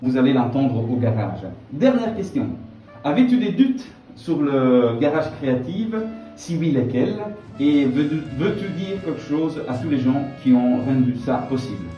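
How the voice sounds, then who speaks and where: A man hosting an interview, announcing the questions in a lively way. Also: medium pitch, a little slow, recorded from a distance. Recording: echoey dull recording from off-mic with faint music.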